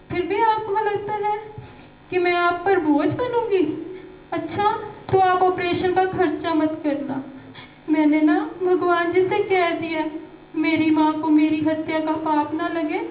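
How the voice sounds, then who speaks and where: A woman's voice: very high voice, darkish tone. A woman playing an unborn baby girl who pleads with her mother in an amateur stage skit. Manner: pleading, tearful, partly sung. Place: live stage in a hall. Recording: echoey hall, distant, dull, faint hum.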